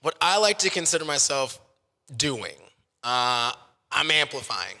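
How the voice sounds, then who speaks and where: An American man chatting casually as an interview guest, effusive and quick to poke fun at himself. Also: medium pitch, big pitch swings, pushed and bright. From Kansas City, United States. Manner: self-deprecating, effusive. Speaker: interview guest, sports stadium host and hype man. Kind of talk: casual chat. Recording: long hall-like reverb on voice.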